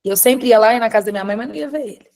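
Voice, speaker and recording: Lively woman telling a story. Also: a little high, very fast. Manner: animated, confiding, addresses students by name. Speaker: course instructor. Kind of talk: emotional storytelling in a live class.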